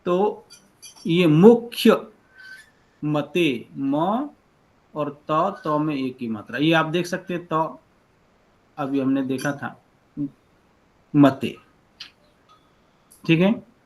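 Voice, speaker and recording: Male online teacher, higher voice, patient and deliberate, video-call audio. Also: animated. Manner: explains letter by letter, patient and deliberate. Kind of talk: online lecture.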